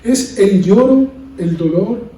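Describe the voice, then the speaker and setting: A man's voice: high-pitched, animated, takes it slowly, mellow, heavy reverb, recorded from a distance, poor audio. A man preaching a sermon, building emphasis and asking rhetorical questions. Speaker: pastor.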